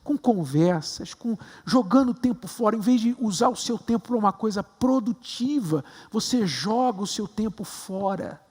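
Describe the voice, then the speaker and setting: A man with a Brazilian Portuguese accent, a bishop preaching a sermon with emphatic rises to stressed high points. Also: expressive, normal speed, few pauses, darkish tone, husky, big-room sound. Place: large temple hall.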